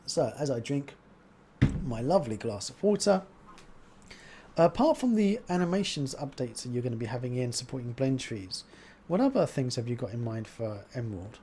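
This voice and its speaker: A male livestream host chats casually in a mellow voice with very animated pitch. He has trouble with his R's, which sound like W's, and keeps up an informal, chatty style. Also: normal speed, a little hiss or hum. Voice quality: cannot pronounce R's, says w for r.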